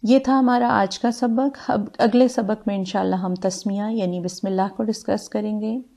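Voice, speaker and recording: A woman with a Pakistani Urdu accent, teaching Quran recitation and pronunciation with patient, drawn-out syllable drills. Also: mid-range voice, fairly even intonation, warm tone. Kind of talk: slow step-by-step pronunciation lesson.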